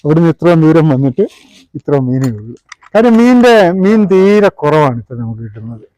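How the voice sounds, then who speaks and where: A man speaks in a somewhat high voice. He gives casual, practical commentary as a fish seller hosting a vlog. Faint noise and clicks sit behind him. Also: very animated, a little fast, warm tone, poor audio. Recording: clear background noise with clicks.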